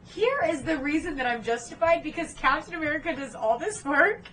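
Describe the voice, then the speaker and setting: A woman co-hosting a podcast, recapping a movie in excited casual chat, swearing freely and acting out lines. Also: high-pitched, fairly quick, slight background noise. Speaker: podcast co-host.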